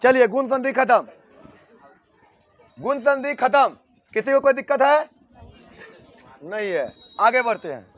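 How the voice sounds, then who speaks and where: Male teacher, unusually high voice, slow, repeats key words and keeps checking understanding; classroom grammar lesson, dull lo-fi recording. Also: lively intonation, a bit bright.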